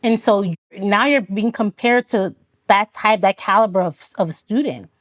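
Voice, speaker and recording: A woman with a mid-range voice speaks a little slowly. She's an Army officer from Florida whose first language is Haitian Creole, and as a podcast guest she tells her personal story in a reflective, earnest way. She retells events with quoted dialogue and laughs often.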